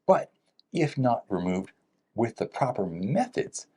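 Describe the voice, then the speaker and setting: A man's voice: mid-range voice, big pitch swings, takes it slowly, darkish tone, breathy edge. A man hosting an interview, asking questions in a conversational way. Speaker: podcast host.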